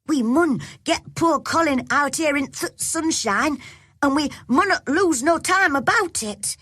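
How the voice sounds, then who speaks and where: A woman's voice: high-pitched, big pitch swings, slow, no room sound, clean studio sound, voice pushed up, full character voice. A woman playing a blunt, earnest young girl. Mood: eager.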